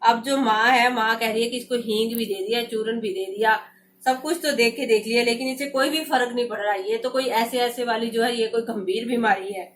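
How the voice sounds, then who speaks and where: A woman's voice: fairly high pitch, steady tone, brisk, slight background noise. A woman teacher explaining a textbook story, retelling each passage in loose everyday speech with many fillers.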